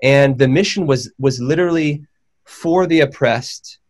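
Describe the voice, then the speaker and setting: A man's voice: medium pitch, a little slow. Thoughtful man telling a life story. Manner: thoughtful, many fillers and restarts. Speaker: panel guest, biography writer. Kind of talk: conversational panel discussion.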